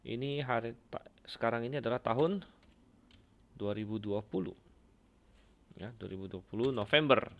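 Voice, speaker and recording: A man teaching an online Bible class, unhurried, pausing often with fillers. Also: mid-range voice, muffled recording. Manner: unhurried, with many fillers and hesitations.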